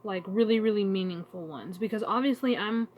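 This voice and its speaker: A woman talking to her channel in a casual, emotional vlog, halting and searching for words as she grows tearful. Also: mid-range voice, a little mellow. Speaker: vlogger. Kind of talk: casual heartfelt vlog talk.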